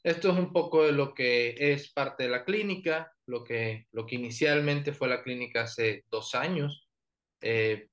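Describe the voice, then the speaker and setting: Colombian coastal man, relaxed and hesitant. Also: mid-range voice. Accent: Colombian Caribbean coast. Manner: relaxed, frequent fillers and restarts. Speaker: orthodontist guest. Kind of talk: professional interview and presentation.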